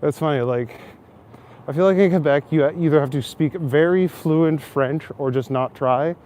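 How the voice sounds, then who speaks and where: On a casual walking livestream through a wintry city square, a man with an Ontario Canadian accent rambles and jokes with his chat, chuckling frequently. His voice is on the high side and a little mellow, at a normal speed.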